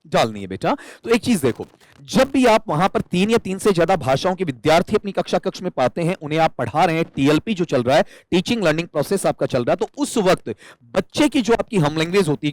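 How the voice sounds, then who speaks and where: A man's voice: on the high side, dry recording. A man teaching an exam-prep English lesson, explaining step by step and asking and answering his own questions. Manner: calls students "beta".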